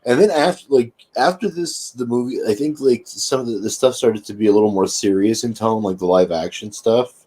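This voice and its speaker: A man's voice: lowish voice, a little fast, hardly any pauses, dark tone. A man co-hosting a film podcast in casual chat, rambling with lots of fillers and restarts and casual swearing.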